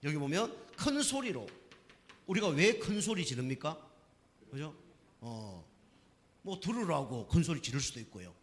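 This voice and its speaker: A man's voice: a little high, big pitch swings, moderate pace, pauses often, big-room sound. A man preaching a sermon to a congregation, asking them questions and checking with them again and again. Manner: asks the congregation questions and keeps checking with "right?". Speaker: pastor. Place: church sanctuary.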